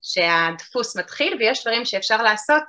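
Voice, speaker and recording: Woman therapist talking it through, bright clear voice, calm and thoughtful. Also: a little high. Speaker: emotional eating therapist. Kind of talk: podcast interview answers.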